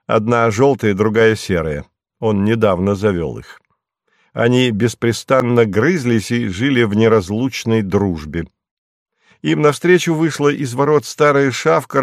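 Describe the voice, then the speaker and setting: A man narrating a classic novel in a measured, even storytelling manner. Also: medium pitch, dry recording, studio quality. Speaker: audiobook narrator.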